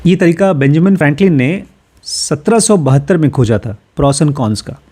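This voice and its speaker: A man's voice: on the high side, expressive, moderate pace, a little mellow. A man from Uttar Pradesh explains a self-help book in a casual way. He reads English passages aloud, then talks them through with everyday personal examples. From Uttar Pradesh, India. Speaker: course teacher.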